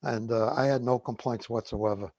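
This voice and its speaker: An older man, 70 or beyond, from Woodhaven, Queens, co-hosts a radio show with a New York accent, reminiscing casually in a rambling, hesitant way. His mid-range voice is a little mellow, with fairly even intonation and normal speed. The audio is dull, with no room sound.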